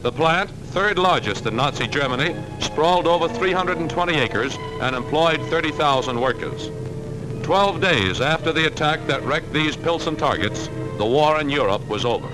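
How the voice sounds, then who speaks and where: A man's voice: fairly high pitch, lively intonation, normal speed, poor audio. A man narrating an old 1940s newsreel in an emphatic, declamatory announcer's delivery, played from an archive. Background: music.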